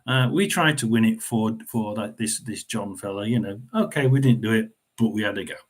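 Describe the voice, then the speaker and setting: Man, middle-aged, casual football watchalong host, rambling, keeps clearing his throat, fillers. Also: fairly low pitch, a little fast. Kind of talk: casual live football commentary.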